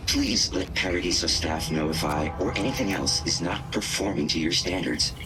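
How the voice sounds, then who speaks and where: A man's voice: deep voice, normal speed, noisy background, natural voice. A man playing a polite butler robot concierge. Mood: courteous. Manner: formal, overly courteous, apologetic. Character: polite male robot resort concierge servant, endlessly apologetic. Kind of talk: video game voice acting.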